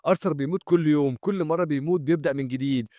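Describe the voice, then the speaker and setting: A young man with an Egyptian Arabic accent narrating an anime recap in a brisk storytelling manner, talking straight to his viewers. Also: fairly high pitch, dark tone, dry recording, studio quality.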